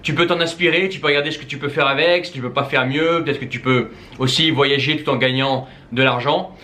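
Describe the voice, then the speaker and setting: Brisk and forceful, the language coach speaks at medium pitch in a bright voice with fairly even intonation. A Dutch native from the Netherlands, he gives casual tips to camera, often using fillers and restarting sentences.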